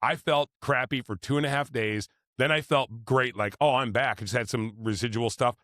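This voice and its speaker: A man's voice: medium pitch, fairly even intonation, normal speed, a bit bright, no room sound, studio quality. A man chatting casually as a podcast host, telling stories with the slightly slurred articulation of someone wearing braces. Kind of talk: casual animated banter and storytelling.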